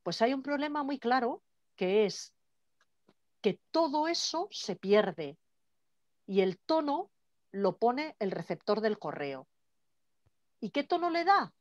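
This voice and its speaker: A woman leading an online workshop in a lively, conversational way. She acts out quoted dialogue as she talks. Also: on the high side, slow pace, pauses often, no echo, dull audio. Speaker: workshop trainer. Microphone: video call.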